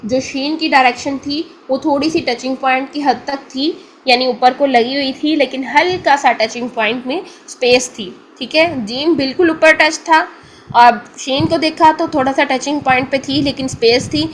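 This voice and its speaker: Woman, Pakistani Urdu accent, Tajweed teacher, patient explanations, fairly high voice, faint background hiss. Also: rough recording. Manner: patient, repeats each point, checks in with the listener. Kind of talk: Quran pronunciation lesson.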